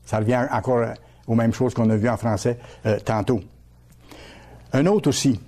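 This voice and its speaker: Preacher guy, warm mellow voice, keeps repeating words and quizzing the congregation. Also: medium pitch, fairly even intonation, moderate pace. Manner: teaching, repeats key words and asks the listeners questions. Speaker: pastor. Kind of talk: sermon.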